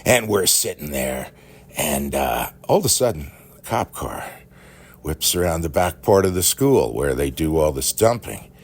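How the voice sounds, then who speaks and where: With a rumbling low, husky, gravelly voice, a man tells a rambling personal story. He's animated and folksy, though his delivery comes out halting.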